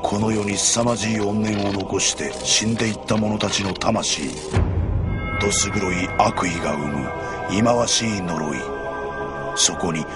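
Ominous movie-trailer style male narrator over loud music. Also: fairly low pitch, unhurried. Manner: ominous, dramatic delivery. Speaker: narrator of a TV horror special.

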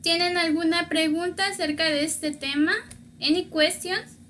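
A woman from Mexico, teaching a beginner language lesson, patiently repeating words slowly to model their pronunciation. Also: very high-pitched, steady tone, fairly bright tone, slight background noise. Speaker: Spanish teacher.

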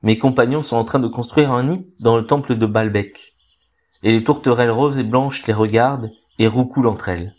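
Un homme qui prête sa voix à un petit passereau au bon cœur, sur un ton suppliant et tendre, dans un conte lu à voix haute. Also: male voice, mid-range voice, moderate pace, a little mellow, close to an everyday voice. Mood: pleading. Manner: pleading, tender. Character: gentle, soft-hearted little male sparrow bird.

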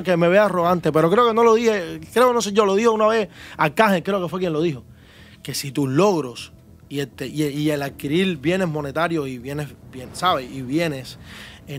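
A man's voice: fairly high pitch, normal speed. A man, talking confidently and boastfully as a guest in a casual chat, often tagging his points with a question. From Cuba. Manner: confident, boastful, keeps asking "¿sabes?".

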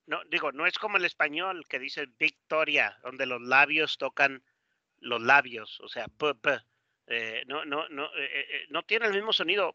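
A man with a Mexican Spanish accent, teaching English phonetics in Spanish, slowly modelling single sounds and checking in with "¿verdad?" and "¿ok?". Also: fairly high pitch, pushed and bright, no room sound. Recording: dry, slightly dull lo-fi sound.

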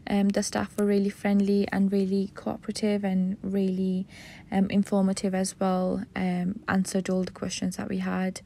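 A woman narrating a travel vlog as a casual voice-over, relaxed and full of ums and uhs. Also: medium pitch, normal speed, creaky. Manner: relaxed, many fillers like um and uh. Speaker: travel vlogger.

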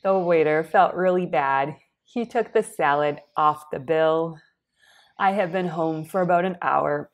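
A young woman vlogger telling a personal story to camera in a soft, partly whispered voice. She is congested, speaks slowly and carefully in plain words, and clears her throat often. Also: low voice. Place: indoors against a plain wall.

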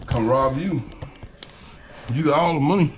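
A man's voice: on the high side, a little slow, muffled recording, slight background noise. A man bantering casually, stubbornly denying everything and repeating himself. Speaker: prank target, friend of host.

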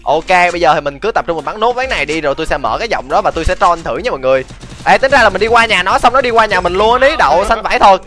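A man streaming a game, talking fast and excitedly, often exclaiming, over game music. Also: sits high. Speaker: gaming streamer.

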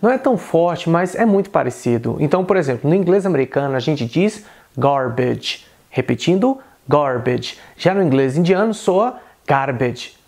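A man with a Brazilian Portuguese accent teaching an English pronunciation lesson, repeating each example word slowly and carefully. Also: high voice, very animated, a little mellow.

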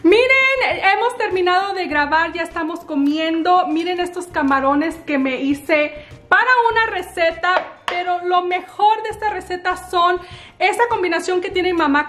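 A woman's voice: very high-pitched, lively intonation, normal speed, a bit bright. A woman in her thirties hosting a casual cooking vlog from her home kitchen, chatty and upbeat as she talks straight to viewers. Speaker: cooking channel host.

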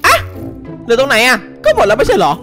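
A young man giving excitable, casual co-op game commentary, yelping and laughing often. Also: very high voice, fast talker. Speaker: gaming YouTuber. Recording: music playing behind.

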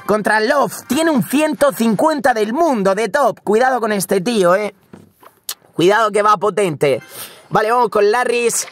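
Excitable young gaming commentator man. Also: high-pitched, unhurried, faint music behind. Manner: excitable, frequent shouting and repeated words. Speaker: gaming streamer. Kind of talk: live gameplay commentary.

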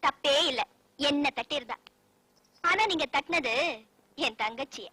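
An actress playing a stubborn young bride who talks firmly and scolds. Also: female voice, high-pitched, expressive, unhurried, sharp tone, full character voice. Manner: firm, scolding.

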